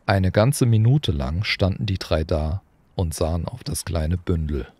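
A man reading a children's audiobook aloud in an expressive storytelling manner. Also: low voice, a little slow, husky, dry recording. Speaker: audiobook reader. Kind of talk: audiobook narration.

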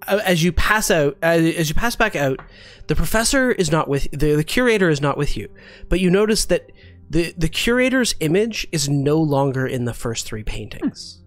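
A man narrating as a tabletop game master in a halting way, repeating words. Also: on the high side, animated. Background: music.

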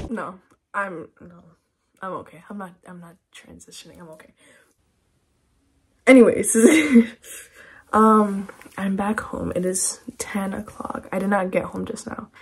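A young woman chatting casually through a get-ready-with-me vlog at home, laughing often and slipping into soft whispers. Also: medium pitch, husky. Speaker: beauty vlogger.

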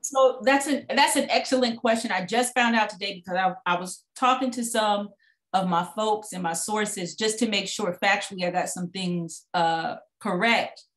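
A woman giving a lively guest talk on a video call, telling stories with laughs and asides. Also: medium pitch, moderate pace, echoey room. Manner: animated storytelling with laughs and asides. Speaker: guest speaker.

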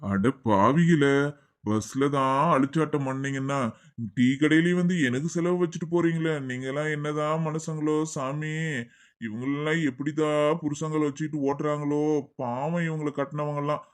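A man's voice: a little high, fairly even intonation, normal speed, clear, resonant tone, lightly acted. A man voicing an exasperated bus conductor in a cartoon, grumbling and complaining. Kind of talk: cartoon voice acting.

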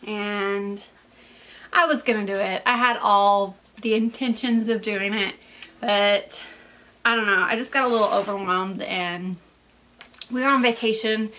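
A woman's voice: a little high, bright, forceful tone. A young woman, out of breath and congested from sinus allergies, rambling chattily through a casual pregnancy update vlog. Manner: chatty and rambling, full of "like" fillers. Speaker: vlogger.

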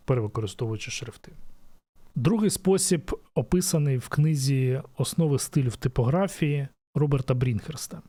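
Here a design educator with a dark, mid-range voice gives a casual lesson on a design topic. He thinks out loud in a thoughtful way, restarting often and using plenty of "e" fillers.

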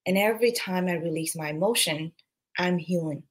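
Heartfelt woman from Vietnam, low voice. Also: moderate pace. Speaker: guest, clinical social worker. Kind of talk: video call interview.

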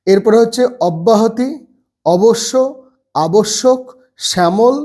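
A man, seated, teaches a children's reading lesson and reads out word lists slowly and patiently. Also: high-pitched, warm tone. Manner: slow, patient word-by-word drilling. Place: seated at a table.

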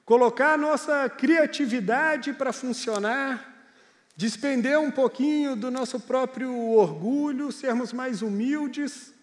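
High-voiced pastor in a reverberant hall. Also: male voice. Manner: earnest, conversational storytelling. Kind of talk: sermon.

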